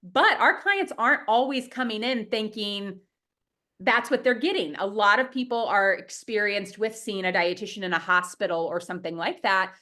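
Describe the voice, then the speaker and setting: Speaking at normal speed, this woman has a mid-range voice that's bright and forceful. She's a guest dietitian running private practices, giving interview answers over video call with eager, open chattiness, a little sniffly from a head cold.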